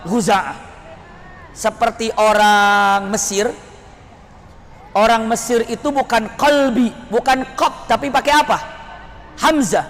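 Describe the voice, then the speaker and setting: A man's voice: very high voice, fairly even intonation, takes it slowly, pauses often, a bit bright, big-room sound, soft background music. A man from West Java, preaching in a dramatic storytelling style and asking the audience questions. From West Java, Indonesia. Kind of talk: storytelling sermon.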